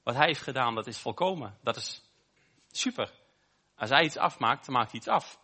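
A man preaching a sermon, with an emphatic, repetitive cadence and slow, stressed phrases. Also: medium pitch, expressive, pushed and bright, husky.

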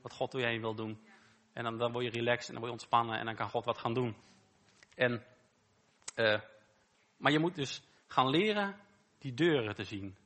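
A man preaches in an easy, conversational way with a bright, forward tone. He asks his listeners rhetorical questions and repeats short phrases for emphasis. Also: medium pitch, normal speed. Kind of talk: informal sermon.

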